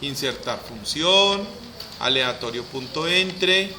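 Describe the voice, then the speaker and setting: Slow, repetitive man teaching. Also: fairly high pitch, lively intonation, background noise. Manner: slow, repeats each step aloud. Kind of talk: screen-recorded software lesson.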